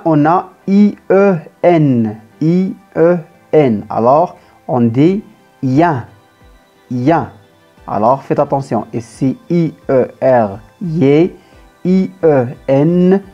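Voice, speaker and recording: A primary school teacher giving a reading lesson to young pupils, talking slowly and repeating words, spelling out letters and syllables one by one. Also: mid-range voice, warm tone. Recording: dull lo-fi sound with faint background music.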